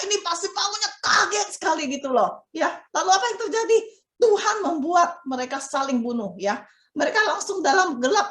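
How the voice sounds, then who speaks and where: A woman teaching Sunday school, telling a Bible story to children in an animated way and asking them questions. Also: sits high, roomy sound. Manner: animated, asks children questions, dramatic exclamations.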